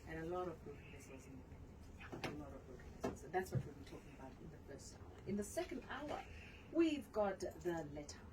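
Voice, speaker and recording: Woman radio host, chatty interviewer, slightly low voice, heard from a distance, noisy background. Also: animated, brisk. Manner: warm chatty interviewer, echoes guest's words. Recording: distant mic with background noise.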